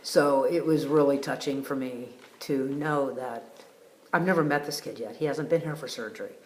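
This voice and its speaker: A man hosting a retreat, giving a casual, heartfelt video message with many pauses and fillers. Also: mid-range voice. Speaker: retreat host. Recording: roomy echo.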